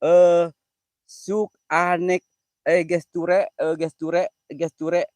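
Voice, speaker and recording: A man in a casual live-stream chat with a fairly high voice. He is giggly and easily flustered and mixes slang with broken English. The sound is dry and close. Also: level tone, very slow, a little mellow, no room sound.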